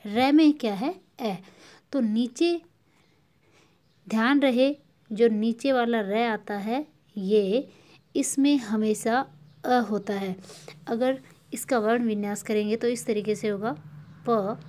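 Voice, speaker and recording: A woman's voice: on the high side, darkish tone. A woman teacher giving a patient lesson to children, drilling sounds by repeating syllables again and again. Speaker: school teacher.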